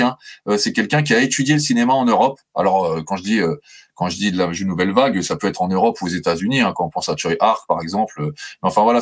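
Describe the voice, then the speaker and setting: A man with a fairly low voice co-hosts a film podcast. He talks haltingly, with many fillers and restarts. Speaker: podcast co-host.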